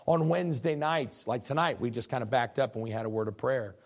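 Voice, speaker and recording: Preaching briskly in a medium-pitched voice, a middle-aged pastor delivers a folksy, lively sermon. He addresses the congregation directly and leans on repeated phrases.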